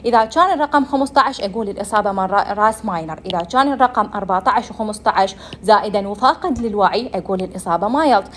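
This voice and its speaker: A woman's voice: mid-range voice, animated, rapid-fire, fairly bright tone, a little hiss or hum. A young woman with an Iraqi Arabic accent giving a medical lecture, explaining step by step and answering her own questions.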